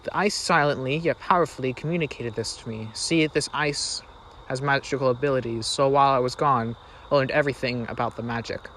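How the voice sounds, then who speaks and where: A man acts out a young sister with magical powers in fireside storytelling. The delivery is assured and explanatory, at a middle male pitch, over faint background noise. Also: a little fast, fairly bright tone, lightly acted, poor audio. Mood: calm, assured. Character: young sister, calm, confident, explaining her new magic.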